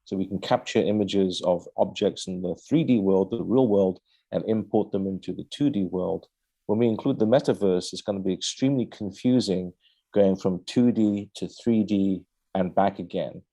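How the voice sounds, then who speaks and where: A man speaking as a panelist on a video call, brisk and explanatory. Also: low-pitched, dark tone. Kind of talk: online panel talk.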